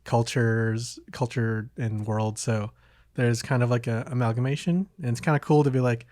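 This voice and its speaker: Like a podcast host in casual chat, a man with a mid-pitched, slightly mellow voice thinks out loud, rambling and hesitant. His tone stays steady at a normal speed, and the recording is very dry, with no room sound at all.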